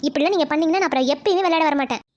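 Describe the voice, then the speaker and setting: A high, quick-talking cartoon young woman, voiced by a woman with a cheeky, teasing edge. She bosses younger kids around and mocks her friends lightly. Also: a little mellow, dull audio, close to an everyday voice. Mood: bossy. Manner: teasing and bossy. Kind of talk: cartoon voice acting.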